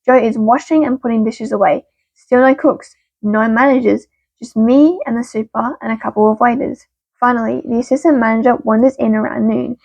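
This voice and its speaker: A woman reading stories aloud as the channel's narrator, expressive and punchy with quick asides. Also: fairly high pitch, vocal fry, slightly rough, dry recording, rough recording. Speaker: story reader.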